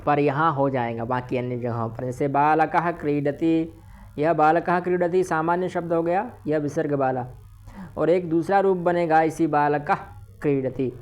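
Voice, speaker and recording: Male teacher, online grammar lesson, methodical, drills examples slowly, answers his own questions. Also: on the high side, fairly even intonation, darkish tone, soft background music. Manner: explains step by step, asks and answers own questions; says examples slowly and repeats them.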